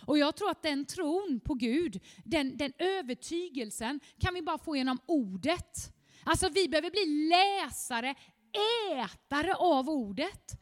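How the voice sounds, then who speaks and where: High-voiced fervent woman preaching. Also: long reverb tail. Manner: fervent, rising to near shouting at times. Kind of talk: sermon.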